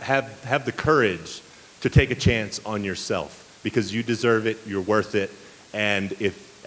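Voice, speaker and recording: A man's voice: fairly low pitch, fairly bright tone. Earnest man speaking in a reverberant hall. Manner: earnest, many fillers and restarts. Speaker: banquet speaker. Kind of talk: speech to students. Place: banquet hall. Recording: reverberant hall with faint hiss.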